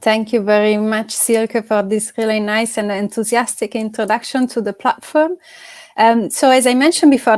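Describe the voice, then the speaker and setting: A woman's voice: a little high, no echo. Woman, session moderator, polite, some fillers, dry close sound, video call.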